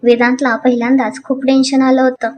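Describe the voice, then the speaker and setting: A woman narrating a dramatic story in an expressive, animated way. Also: high voice, fairly quick, slight background noise.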